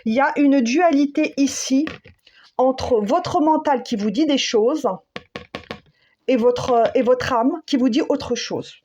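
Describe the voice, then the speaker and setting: A woman giving a spiritual tarot guidance, speaking slowly and searching for words, with many fillers and repeated phrases. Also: high voice, a little mellow, highs cut off, a little hiss or hum. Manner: slow, soothing, repeats key phrases. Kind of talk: spontaneous spoken guidance.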